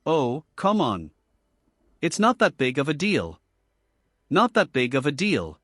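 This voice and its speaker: Brief: defiant deflecting young wife, read by a man, contemptuous, slightly high and dry. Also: wildly swooping pitch, slow, fairly bright tone, dry recording, heavily acted. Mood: dismissive. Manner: scornful, eye-rolling, deflecting.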